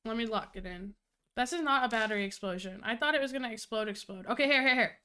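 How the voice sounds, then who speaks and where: A young adult woman is live-streaming casual chat, talking fast in a slightly high, bright voice with a forceful yet clean tone. She's chatty and profane, laughs often, and sounds nasal and congested from a cold.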